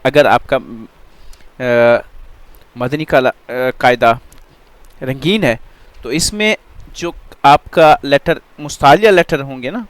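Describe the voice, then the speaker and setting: A man teaching tajweed in an online Quran reading lesson, drawing out letter sounds slowly and often checking that students follow. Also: mid-range voice, dry recording. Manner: slow drawn-out letter drills with frequent check-ins.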